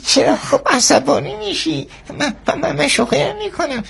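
Gravelly, stammering poor young suitor. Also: female voice, sits high, animated, exaggerated voice. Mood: nervous. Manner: stammering, hesitant. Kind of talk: cartoon dub acting.

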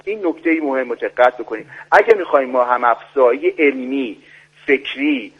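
A man calling in by phone as a guest expert on a radio show, speaking formally in a lecturing way with many pauses. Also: medium pitch, husky. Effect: voice heard over a phone line on the radio. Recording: dull lo-fi phone line.

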